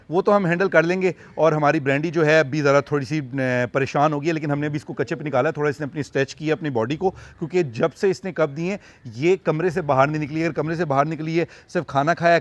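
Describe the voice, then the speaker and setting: A man's voice: fairly high pitch, dry recording. A man giving casual, rambling vlog commentary outdoors at an animal farm. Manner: chatty, rambling, with many fillers. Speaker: vlogger and animal farm keeper.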